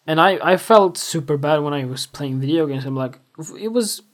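A man's voice: on the high side, expressive, normal speed. Young male host, casual and self-reflective solo talk. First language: Swedish. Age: 20s. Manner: rambling, self-reflective, full of fillers. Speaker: podcast host.

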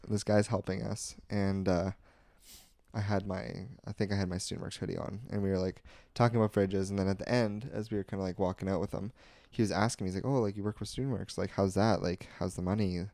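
A man's voice: lowish voice, steady tone, a little fast, a little mellow, dry recording, studio quality. A young man co-hosting a podcast, telling stories in a loose, filler-heavy way and acting out the lines he quotes. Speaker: podcast co-host. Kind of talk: casual storytelling chat.

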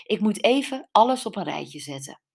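A woman voicing a teasing, thoughtful grown woman playing amateur detective, in a husky voice. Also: mid-range voice, sing-song, normal speed, a little mellow, voice pushed up, full character voice.

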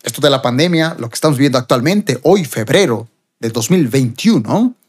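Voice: medium pitch, expressive, brisk, slightly rough. A preacher from Bolivia, giving a sermon and reading scripture verses with rising emphasis.

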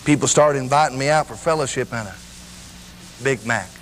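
A middle-aged man, preaching a sermon. He swings between loud, high exclamations and low, quiet asides. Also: fairly quick, slight background noise. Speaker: traveling preacher.

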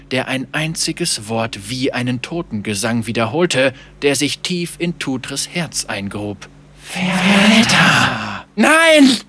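Bright-voiced male audiobook narrator. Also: medium pitch, a little hiss or hum. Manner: vivid, dramatic storytelling. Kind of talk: dramatic scripted narration.

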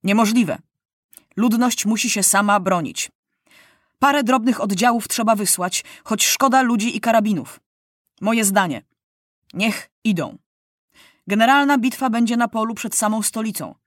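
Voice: mid-range voice, normal speed, pauses often, fairly bright tone, no echo, clean studio sound, voice pushed up, natural voice. A narrator voicing a stern, blunt older male war minister in a storybook reading, speaking firmly in clipped sentences. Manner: firm and clipped.

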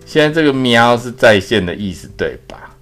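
A man voicing three naive, friendly little mice in a bedtime storybook, with a higher, eager, chirpy voice. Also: big pitch swings, moderate pace, fairly bright tone, faint music behind. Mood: cheerful.

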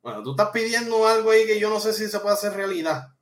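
A man's voice: high voice, fast. A man hosting a live-stream podcast, ranting and joking in slangy casual talk. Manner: joking, animated, slangy rants. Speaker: podcast host reading live chat. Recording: echoey room.

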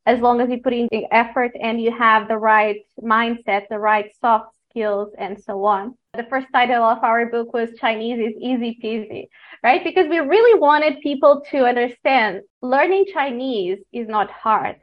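A woman from Portugal with a fairly high voice, hosting a podcast chat. She talks in an upbeat, motivational way. The recording sounds a bit dull and lo-fi. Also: moderate pace. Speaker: host and life coach. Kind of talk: podcast conversation.

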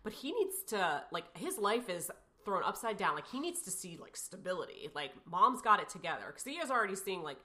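A woman's voice: mid-range voice, big pitch swings, fairly quick, few pauses, sharp tone. A woman in her thirties telling an emotional personal story as an interview guest, rambling with many fillers and restarts.

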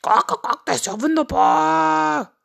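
A woman's voice: high voice, takes it slowly, creaky, pitched above the performer's own voice, heavily acted. Henry, a woman doing a quacking, eager bird. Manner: quacks between words, excitable. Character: eager fussy young male farmyard bird who quacks.

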